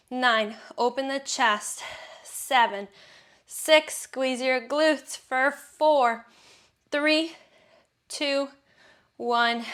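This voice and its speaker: A woman's voice: a little high, a bit bright. A woman leading a workout, counting reps and cueing breaths in an encouraging way, a little out of breath as she exercises along. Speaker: fitness instructor. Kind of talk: guided workout instruction.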